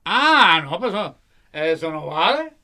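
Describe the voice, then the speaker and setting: A man's voice: sits high, sing-song, unhurried, sharp tone. A man co-hosting a casual chat, hesitant with fillers and dry teasing.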